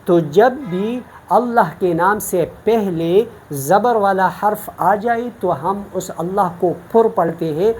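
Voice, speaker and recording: A woman from Pakistan gives an online lesson on Quran recitation, with a middle-pitched voice. She explains each rule patiently, one step at a time, and slows down to demonstrate the examples she recites. A faint hiss sits behind her voice. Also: a little mellow.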